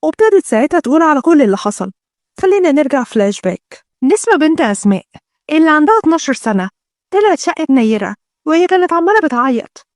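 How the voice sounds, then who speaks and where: A woman with an Egyptian Arabic accent narrating a comic family story in a lively, brisk way. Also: high voice, no room sound, clean studio sound.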